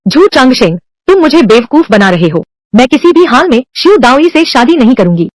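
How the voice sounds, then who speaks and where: This is a headstrong young woman in a dubbed TV drama, pushing back hard against a marriage arranged by her father. The voice sits high and moves a lot between notes. The recording is dry and close, with no room sound. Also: big pitch swings, moderate pace, no room sound. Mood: indignant. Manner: defiant and insistent. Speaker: dubbing actress.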